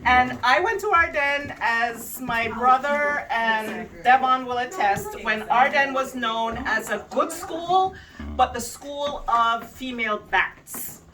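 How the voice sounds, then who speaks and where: A woman's voice: high-pitched, takes it slowly, a crowd in the background. A woman who went to the school, telling a joking story and laughing through her words. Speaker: guest, former student. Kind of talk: casual chat. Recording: distant mic with loud background noise.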